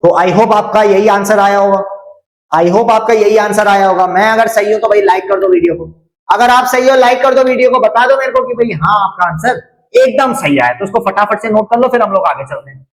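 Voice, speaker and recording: A man's voice: high voice, fairly quick. Repetitive man teaching maths, roomy echo. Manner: repeats each step, quizzes and teases students. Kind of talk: online maths lesson.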